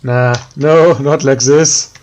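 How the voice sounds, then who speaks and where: Slow, tired German-accented man gaming. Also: mid-range voice, steady tone, a little mellow, slight background noise. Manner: slow, thinking aloud with many ums and pauses. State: tired, yawning. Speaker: let's play commentator. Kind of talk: relaxed gameplay commentary.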